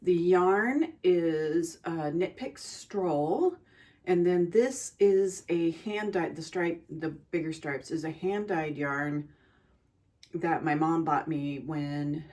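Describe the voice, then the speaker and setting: A woman hosting her own podcast, chatting in an unhurried way with frequent ums and pauses, recorded on a phone. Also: low voice, darkish tone, dry recording. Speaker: podcast host. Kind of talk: casual chat.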